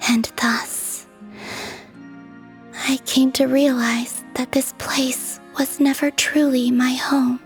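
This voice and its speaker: In a video game dub, a woman voices a serene, melancholy young moon goddess, speaking softly, slowly and poetically in a breathy, whispery tone. Her voice is high-pitched with a flat delivery and a wistful mood, and faint music plays behind her.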